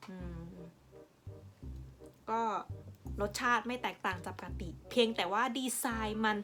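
A woman's voice: mid-range voice, measured pace, fairly bright tone, soft background music. A woman giving a casual, playful product review as a vlogger. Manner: chatty and playful, sprinkles sweet sentence endings. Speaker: vlogger reviewing a Japanese drink.

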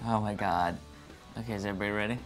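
Low-voiced playful man teasing. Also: steady tone, music in the background. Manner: playful, teasing, quick asides. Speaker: film review show co-host. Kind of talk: casual joking banter.

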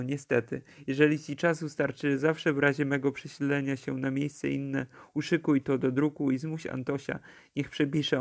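A man's voice: mid-range voice, creaky, close to an everyday voice. A man reading aloud the farewell letter of a dying young village teacher, written wry and plain.

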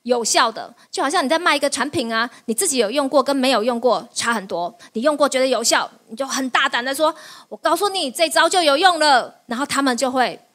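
A middle-aged woman pastor preaching a sermon in a lively, playful way, asking the congregation questions and laughing along. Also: high-pitched, fast, hardly any pauses.

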